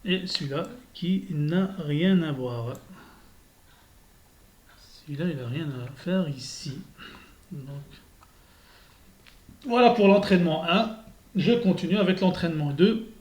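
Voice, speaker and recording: A man with a sore throat teaches a beginners' lesson in a slightly high voice. He talks very slowly and deliberately, pausing over each syllable and clearing his throat now and then. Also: animated, darkish tone. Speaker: Arabic teacher. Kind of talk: slow beginner lesson reading syllables aloud.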